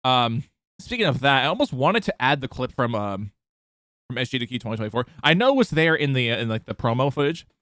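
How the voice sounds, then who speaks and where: A man streaming, giving casual commentary over a video clip, halting and full of fillers and restarts. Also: medium pitch, big pitch swings, fairly bright tone, no room sound, studio quality.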